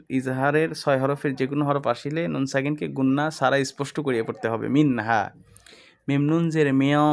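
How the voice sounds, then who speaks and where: A man teaching Quranic recitation, spelling out Arabic letters and vowel marks one by one in a patient, methodical way. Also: medium pitch. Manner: slow drawn-out chanting when reciting whole verses; patient methodical explaining in Bengali.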